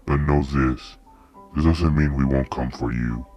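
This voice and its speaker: A man voicing an ancient, menacing demon creature with a deep, demonic, distant-sounding voice and slow, threatening delivery. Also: steady tone, a little mellow, dull audio, soft background music.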